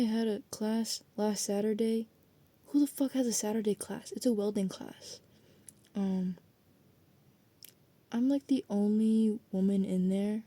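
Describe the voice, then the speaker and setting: A young adult woman, a student vlogger, rambles casually through a late-night vlog, swearing freely as her thoughts wander. Her voice is fairly high in pitch but dark in tone.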